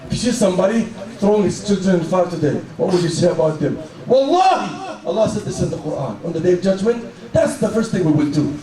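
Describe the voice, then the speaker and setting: A man's voice: high-pitched, mellow. A man preaching a sermon in an emphatic way, asking rhetorical questions and reciting verses. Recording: echoey hall, voice from a distant mic.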